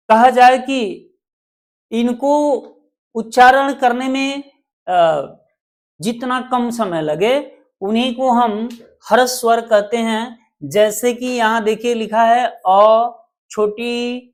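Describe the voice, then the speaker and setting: A woman teaching a Hindi grammar lesson for exam preparation, explaining slowly and repeating points with questions to her viewers. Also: a little high.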